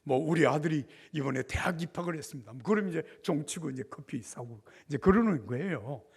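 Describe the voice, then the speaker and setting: Older man, pastor, revival sermon, husky gravelly voice, swinging pitch. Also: a little fast. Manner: animated storytelling with acted dialogue.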